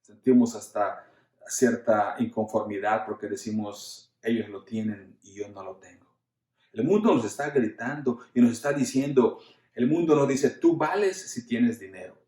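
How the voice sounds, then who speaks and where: A man's voice: fairly low pitch, normal speed, dark tone, echoey room. A man preaching a sermon earnestly, repeating words for emphasis and addressing the congregation as brothers. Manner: earnest, addresses listeners formally as usted and hermanos. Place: church.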